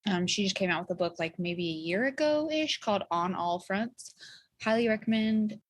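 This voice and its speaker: This thirty-something communications director, a guest on a podcast, keeps the chat casual and sprinkles in "like" and "you know." She speaks at a normal speed in a mid-range voice with lively intonation, and there's no room sound.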